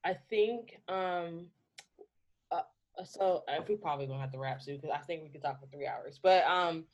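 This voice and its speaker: A woman's voice: sits low, normal speed, highs cut off, a little hiss or hum. A woman co-hosting a podcast in casual chat. She talks in a heated, emphatic way with frequent restarts. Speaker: podcast co-host.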